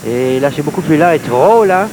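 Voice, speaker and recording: A man with a Quebec French accent calling play-by-play in the manner of a golf commentator, in measured, clipped phrases that follow each shot. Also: a little high, lively intonation. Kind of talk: golf-commentator style play-by-play of a mini-putt match. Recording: noisy late-1980s TV sports recording.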